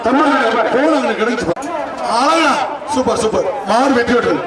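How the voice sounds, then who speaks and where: A man with a Tamil Nadu accent giving excited live event commentary over a loudspeaker, shouting repeated calls and urgings as announcer. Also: very high voice, normal speed. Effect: amplified through loudspeaker PA. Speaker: live event announcer at a bull-taming contest. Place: outdoor arena with loud crowd behind. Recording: echoing outdoor PA, distant, loud crowd.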